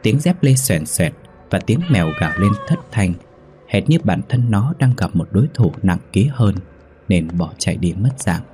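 A man narrating a ghost story in a steady, measured reading. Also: lowish voice, a little hiss or hum.

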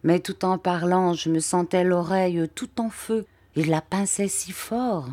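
A woman reading a classic novel aloud as an audiobook narrator, in a clear, even storytelling manner. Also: lowish voice, measured pace, dry recording. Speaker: audiobook reader.

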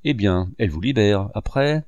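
An unruffled, dismissive junk dealer who shrugs off threats, as a man reads him. His low voice is recorded dry and close. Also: moderate pace, clear, resonant tone, no room sound, lo-fi sound, natural voice. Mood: cool. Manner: calm, dismissive. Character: cool, unflappable male junk dealer.

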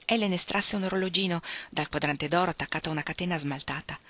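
A woman narrating a novel in a measured, steady audiobook reading. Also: on the low side, no room sound. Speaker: reader.

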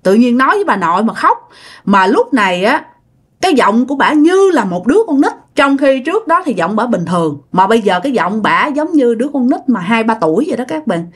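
Speaking briskly in a high, husky and very animated voice, a woman with a Southern Vietnamese accent tells a ghost story. She keeps it casual and chatty, talking directly to her listeners.

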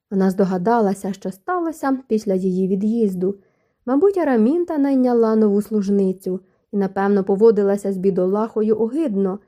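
Dark-toned woman narrating a novel. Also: mid-range voice. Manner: even, storytelling delivery. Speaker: audiobook narrator. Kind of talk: scripted narration.

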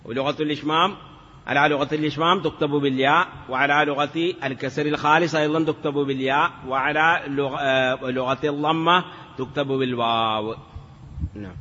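A man's voice: a little high, steady tone, brisk, bright, forceful tone, in a large hall, lo-fi sound, a little hiss or hum. A man teaching Arabic grammar in a patient classroom lecture, repeating examples and chanting some in a sing-song lilt.

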